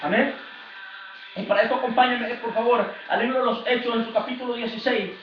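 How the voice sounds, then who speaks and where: A man's voice: extremely high pitch, fairly even intonation, brisk, over music. A man preaching a sermon as an evangelist, in a fervent, repetitive preaching cadence. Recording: echoey, distant, dull lo-fi church recording.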